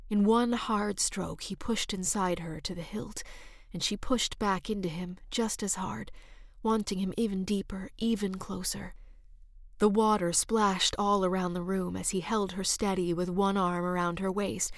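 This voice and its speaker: A woman narrating an audiobook romance in a soft, intimate voice that drops to hushed whispers. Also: mid-range voice, fairly even intonation, unhurried, dry recording, clean studio sound. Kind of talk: scripted narration.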